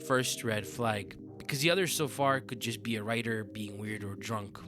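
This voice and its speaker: A man's voice: on the low side, normal speed, over music. A man narrating a story in a conversational, offhand manner with sudden upward swoops. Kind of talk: reading a story aloud.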